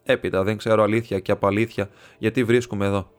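A man's voice: on the low side, little pitch movement, clean tone, faint music behind, lightly acted. A man reading as a scornful proud nobleman. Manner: mocking and defiant. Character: proud scornful male nobleman making a bitter confession.

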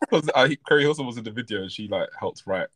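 A man's voice: mid-range voice, a bit bright. A man co-hosting a podcast in casual chat, rambling and correcting himself with frequent chuckles. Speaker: podcast co-host.

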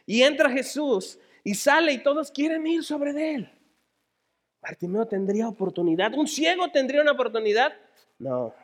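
Very high-voiced Mexican pastor preaching. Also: male voice, sing-song, normal speed. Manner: dramatic, swings between shouting and hushed tones. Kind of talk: sermon.

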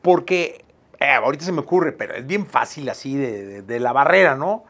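A man's voice: mid-range voice, animated, normal speed, a bit bright. A man hosting a casual interview, chatty and jumping in with comments. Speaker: radio host interviewer.

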